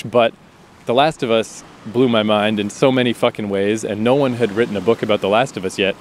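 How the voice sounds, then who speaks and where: A Canadian podcast host and author in his thirties, with a fairly low voice, gives what sounds like a relaxed spoken intro to a podcast. He rambles loosely from thought to thought, swears freely and leans on filler words, with a little hiss or hum audible.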